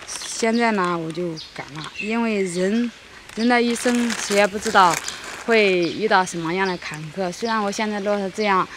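A woman in her late twenties from Henan, talking earnestly and softly in a personal interview. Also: medium pitch, normal speed. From Henan, China. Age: late 20s. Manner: earnest, soft-spoken, repeats words for emphasis. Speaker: documentary subject. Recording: noisy outdoor field recording.

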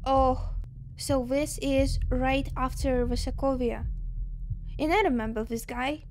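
Russian-accented young woman, high voice, slow talk, gasps and exclaims, film music behind. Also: a little hiss or hum. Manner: excitable, gasping and exclaiming. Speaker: reaction video host. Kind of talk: watching a film and reacting. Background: film soundtrack.

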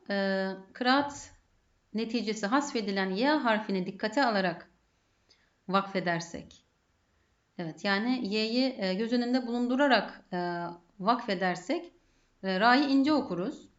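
A woman's voice: a little high, normal speed, muffled recording. A woman with a Turkish accent teaching Arabic grammar step by step, asking herself questions and answering them. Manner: methodical, poses and answers her own questions. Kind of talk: grammar lesson.

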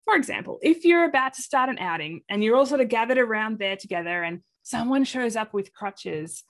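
Australian woman presenter, slightly high pitch, animated and expressive, webcam webinar sound. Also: fairly quick. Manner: animated, acts out quoted reactions in voices. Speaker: presenter of an inclusion talk.

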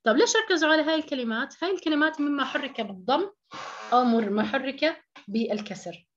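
A woman's voice: high-pitched, lively intonation, quick pace, lo-fi sound, a little hiss or hum. A woman teaching an online tajweed lesson, explaining step by step, repeating key terms and asking rhetorical questions. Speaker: Quran recitation teacher.

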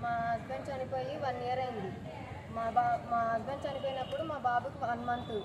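A woman's voice: fairly high pitch, flat delivery, brisk. A young woman in her twenties, making an urgent, pleading appeal to officials outdoors and repeating herself as she talks. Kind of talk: distressed street appeal to reporters. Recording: street recording with traffic noise. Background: traffic and street noise.

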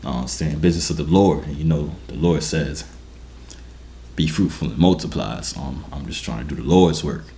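A man in his early twenties with an American accent and a deep, booming voice, chatting in a laid-back, slangy, teasing way. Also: fairly quick, dark tone, a little hiss or hum. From New York, United States. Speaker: vlogger hosting a random video-chat prank. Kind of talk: casual flirtatious chat. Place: garage-like home gym, indoors.

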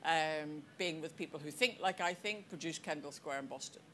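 A woman delivering a scripted conference speech, measured and deliberate, with the odd wry aside. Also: low-pitched, a bit bright, slight background noise. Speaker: conference speaker. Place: conference hall.

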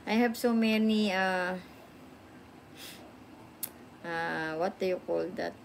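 This time her voice is lowish and creaky, and she takes it slowly, with slight background noise. The sixties-aged woman hosts a phone livestream at arm's length from a sofa room, sounding sleepy as she chats, mixes languages, responds to comments, and keeps thanking viewers.

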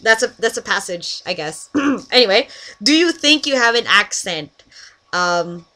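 A young Canadian vlogger in a small bedroom works casually through a list of words and questions for an accent meme, giggling often and breaking off to scold friends on a call. Her medium-pitched voice is expressive, unhurried, bright, and forceful, picked up by a headset microphone in a casual webcam vlog.

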